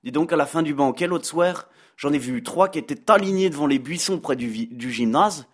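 A man's voice: on the high side, brisk, close to an everyday voice. A man playing a sarcastic, gossipy male French teacher with a Belgian accent, in a comic radio editorial full of "hein". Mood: teasing. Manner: teasing, sarcastic, peppered with "hein". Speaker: comic columnist.

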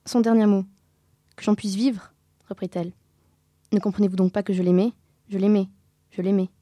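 Woman narrating a classic novel, very mellow dark tone, measured and dramatic. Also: on the low side, dry recording, clean studio sound. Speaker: audiobook reader. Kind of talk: scripted literary narration.

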